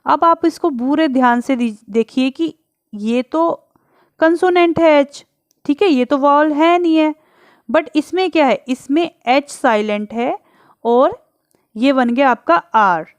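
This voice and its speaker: A woman's voice: high-pitched, slow, dry recording. A woman teacher patiently explaining English grammar in Hindi, asking the class questions and answering them, drawing out letters and examples.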